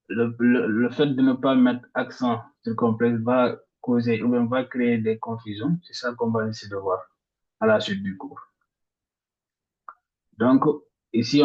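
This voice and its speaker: A man teaching a grammar lesson step by step, repeating each example word slowly, with frequent restarts and hesitations. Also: mid-range voice. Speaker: language teacher. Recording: slightly dull lo-fi audio.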